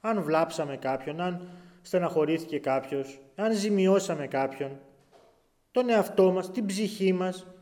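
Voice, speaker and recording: A man preaching a sermon, his voice rising loud when he tells the scripture story and dropping low for quiet asides. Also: lively intonation. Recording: long hall reverb.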